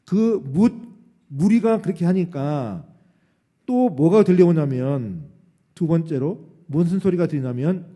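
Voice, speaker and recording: A middle-aged male pastor delivers a sermon in a church sanctuary, with a slightly raised pitch but a deep, very dark and mellow tone. He moves between loud, ringing calls and quiet, low asides.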